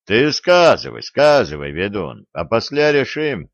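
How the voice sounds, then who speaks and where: A man voicing a stern, blunt warrior priest with a gruff, commanding manner. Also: medium pitch, sing-song, unhurried, dry recording, dull audio. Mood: wry.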